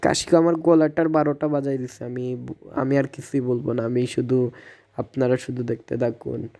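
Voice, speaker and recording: Hoarse Bangladeshi man rambling over gameplay. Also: mid-range voice, flat delivery, normal speed, warm tone. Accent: Bangladeshi Bengali. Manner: rambling, self-mocking, groans at near misses. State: hoarse from coughing. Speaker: gaming video creator.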